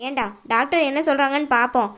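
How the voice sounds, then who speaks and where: A woman's voice: high-pitched, quick pace, a bit bright. Woman voicing a nagging cartoon mother-in-law. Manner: scolding, mocking. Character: sharp-tongued nagging middle-aged mother-in-law. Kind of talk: cartoon voice acting.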